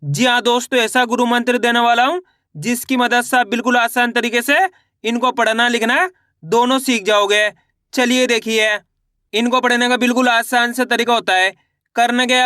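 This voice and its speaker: Bright, crisp man teaching reading. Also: very high-pitched, fairly even intonation, normal speed, no room sound, clean studio sound. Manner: patient, repetitive drilling with call-and-repeat prompts. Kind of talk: online lesson, sounding out letters.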